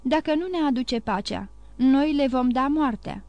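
A woman voicing a proud, brave young male guard who speaks calmly and resolutely in an audiobook reading. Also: high voice, no echo, highs cut off. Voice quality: sweet yet proud voice. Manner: resolute, calm under threat.

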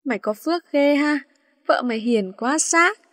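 A woman's voice: high-pitched, fairly quick, dry recording, studio quality, close to an everyday voice. A woman voicing a brash, quarrelsome young man in a storybook reading, with a mocking manner. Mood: teasing.

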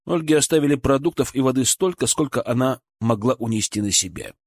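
A man narrating an audiobook calmly and evenly. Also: medium pitch, fairly quick, husky, dry recording, clean studio sound. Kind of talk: scripted narration.

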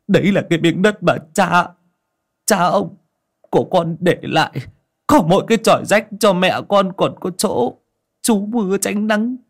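A man voicing a poor, beaten young debtor who begs in a raised, pleading voice, husky in tone. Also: exaggerated voice. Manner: high, pleading, begging.

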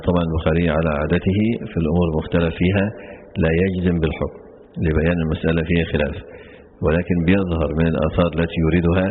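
Deep, flat-voiced man teaching a religious text. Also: breathy edge. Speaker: Islamic scholar teaching hadith commentary. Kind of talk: recorded lesson reading and explaining a hadith text. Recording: tinny phone-like lecture recording with faint hiss.

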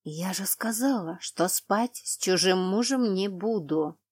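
A woman's voice: medium pitch, measured pace, a little mellow, slightly rough, no echo, clean studio sound. A woman voicing a cheeky young noblewoman who talks in a sweetly mocking, sighing way. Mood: tired retort.

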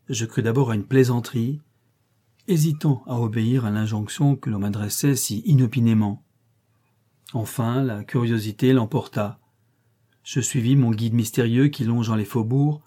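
Husky-voiced man reading a classic story. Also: medium pitch, warm tone. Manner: measured, literary first-person reading. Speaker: audiobook reader. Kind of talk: scripted narration of a classic short story.

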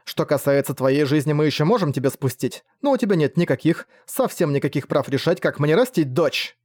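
A man's voice: a little high, expressive, fast, no room sound, natural voice. A man voicing an angry scolding mother. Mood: furious. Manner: sharp and scolding, shouting at times. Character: stern, overbearing middle-aged mother, quick to anger.

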